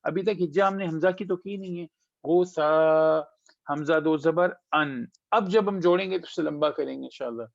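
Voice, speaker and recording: A man teaching Quran recitation, spelling out syllables slowly and drawing them out, then explaining quickly and patiently. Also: a little high, creaky, no room sound, dull audio.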